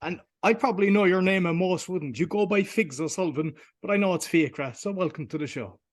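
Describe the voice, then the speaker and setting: Man, Irish accent, somewhat high pitch, podcast host, casual interview, informal meandering questions. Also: a little fast. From Ireland.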